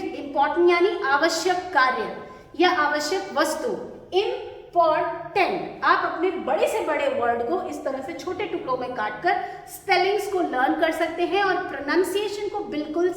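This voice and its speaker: A woman teaching English spelling and syllables, stretching out each word slowly as she pronounces it. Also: sits high. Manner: slow, drawn-out pronunciation of each word. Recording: echoey long-reverb room.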